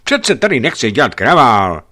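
A man reading an audiobook, voicing a young wife who answers with loud, high, cold exclamations. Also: big pitch swings. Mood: defiant. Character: young wife, frightened then sulky and defiant.

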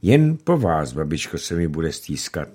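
A man voicing a curious, earnest young girl in a storybook, with soft, questioning speech. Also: extremely low pitch, big pitch swings, breathy edge, heavily acted.

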